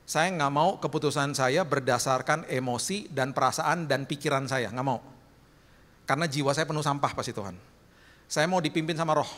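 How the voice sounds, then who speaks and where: A man preaching a sermon in a large church hall, the long reverb trailing after each phrase. His voice sits a little high and sounds forceful and bright. He tells stories and acts out the voices of the people in them. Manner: storytelling, acts out voices in anecdotes. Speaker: pastor.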